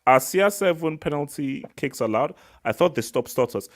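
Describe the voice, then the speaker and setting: A man hosting a casual live football reaction chat, slangy and animated, repeating words for emphasis. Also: on the high side, normal speed. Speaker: live stream host.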